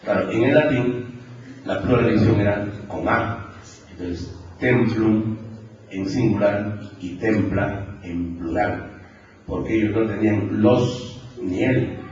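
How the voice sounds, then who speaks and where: A man's voice: on the low side, slow pace, a little mellow, slight background noise. A man with a Peruvian accent giving a university conference lecture, explaining step by step and often checking in with the audience. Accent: Peruvian Spanish. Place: large lecture hall. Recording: echoey hall, far off, dull lo-fi.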